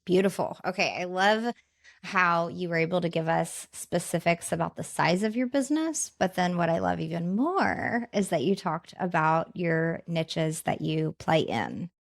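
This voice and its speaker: A woman's voice: on the low side, lively intonation, measured pace, creaky, no room sound, clean studio sound. A woman hosting a podcast, asking questions in a casual, enthusiastic, affirming way. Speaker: podcast host. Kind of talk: casual interview.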